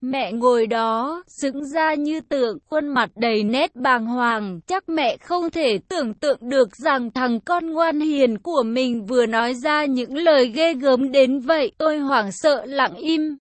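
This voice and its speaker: A woman narrating a first-person family story in a measured storytelling manner. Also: sits high, no room sound.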